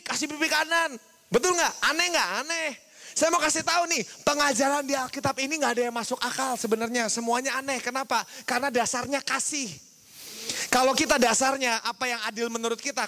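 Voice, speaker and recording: A young man preaching to a youth group, lively, often asking the crowd "right?" and mimicking people with bleep sounds. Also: very high voice. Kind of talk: youth sermon.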